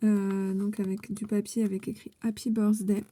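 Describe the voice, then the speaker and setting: A woman vlogging about scrapbooking, showing and praising crafts she received while handling paper, with warm repeated compliments and frequent hesitations. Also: mid-range voice, level tone, moderate pace. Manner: enthusiastic, repeats her praise, many hesitations. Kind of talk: casual show-and-tell vlog.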